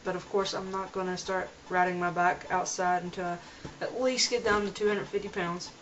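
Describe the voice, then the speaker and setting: A woman's voice: on the low side, steady tone, moderate pace, a little hiss or hum. A young woman talking earnestly in a casual vlog, rambling and restarting her sentences, recorded on a camera mic at home. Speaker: vlogger. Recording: dull lo-fi home video.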